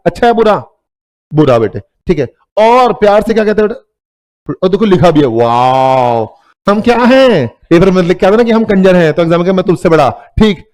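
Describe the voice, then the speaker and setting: High-voiced Indian accounts teacher. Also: male voice, a little mellow. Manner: calls students "beta", mixes Hindi and English, jokey. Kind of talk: classroom lecture. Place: classroom.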